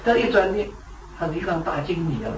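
A man's voice: high voice, expressive, fast talker, dull audio. Man giving a Buddhist talk from far off. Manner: storytelling, asks rhetorical questions. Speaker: Buddhist teacher. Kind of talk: dharma talk. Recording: echoey room, distant mic, noisy.

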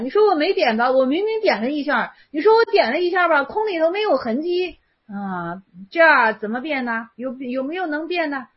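A woman's voice: high voice, highs cut off. A woman voicing an old male Zen master who coaxes his listeners with questions. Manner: coaxing, questioning the crowd.

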